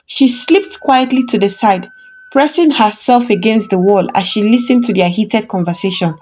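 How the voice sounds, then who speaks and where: A woman narrating a scripted dramatic folktale in a measured, suspenseful storytelling manner. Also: mid-range voice, a little hiss or hum, poor audio. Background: soft background music.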